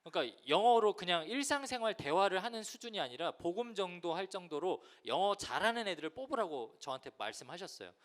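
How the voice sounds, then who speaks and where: A man in his thirties preaching a lively youth sermon, telling a story and acting out the voices in it. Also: high-pitched, fast talker, hardly any pauses. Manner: animated, acts out quoted voices, addresses listeners directly. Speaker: youth pastor.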